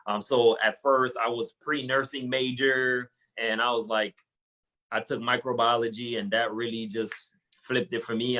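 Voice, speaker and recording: A man's voice: medium pitch, fairly bright tone, low-quality recording. A young man from Haiti, a guest entrepreneur, talking casually and earnestly with many fillers and restarts in an interview. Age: young adult.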